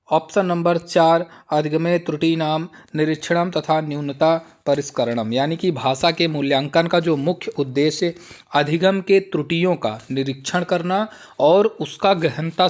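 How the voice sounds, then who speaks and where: Male exam-prep tutor, fairly high voice, reads options slowly and explains plainly. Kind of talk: Hindi exam-prep lesson with slow Sanskrit reading.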